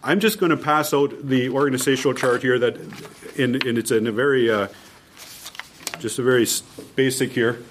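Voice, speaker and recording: A Canadian-accented man leads a workshop as its mission leader, giving an informal instructional talk to a group. His voice is medium-pitched and moderately paced, with a faint hiss or hum underneath. He speaks emphatically and keeps repeating his key points.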